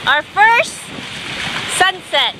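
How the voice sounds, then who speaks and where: A woman's voice: very high-pitched, very animated, extremely slow. A woman vlogging casually outdoors on a sailing catamaran at sea, chatty and exclaiming into a handheld camera. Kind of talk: casual vlog chat. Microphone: handheld camera mic. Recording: loud wind and water noise.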